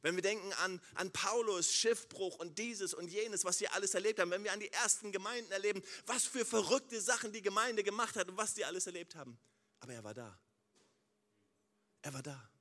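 A man with a high-pitched voice preaches a sermon at a fairly quick pace, putting questions to the congregation. He swings between quiet, prayer-like passages and loud exclamations.

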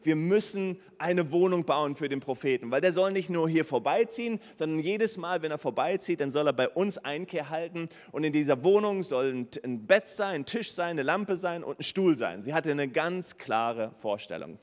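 A man preaching a sermon, retelling a Bible story with lively, acted-out dialogue. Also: on the high side, normal speed, hardly any pauses. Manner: lively storytelling preacher, acts out the characters' lines. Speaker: pastor. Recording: long reverb of a hall.

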